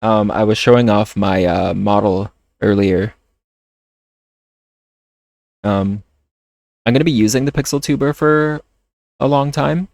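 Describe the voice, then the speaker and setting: A man chatting casually on a livestream while playing a game, talking in a hesitant, halting way. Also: fairly low pitch, fairly even intonation, creaky, darkish tone, no echo, clean studio sound. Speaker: streamer. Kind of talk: casual livestream chat over gameplay.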